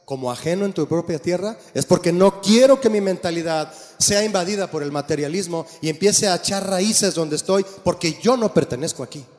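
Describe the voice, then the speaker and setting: A pastor delivers an animated sermon, his voice pitched high for a man. He keeps turning to the congregation with questions. The sound carries a long reverb from the church hall. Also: a little fast, hardly any pauses, soft background music.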